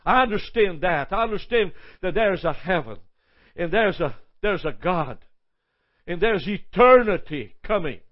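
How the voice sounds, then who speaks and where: A man's voice: high voice, muffled recording. A man preaching a sermon, listing points emphatically, often stumbling and repeating words.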